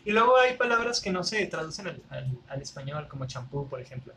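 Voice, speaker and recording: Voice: medium pitch, sing-song, sharp tone, slight background noise, low-quality recording. A co-host with a Mexican accent, chatting casually on a podcast with playful asides. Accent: Mexican Spanish. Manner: playful, quick asides and jokes. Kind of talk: casual chat.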